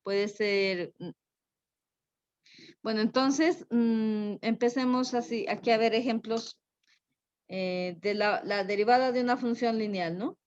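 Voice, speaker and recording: A woman teaching a math lesson, unhurried and thinking aloud, often checking in with a quick tag question. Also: fairly high pitch, a little mellow. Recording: dull lo-fi recording.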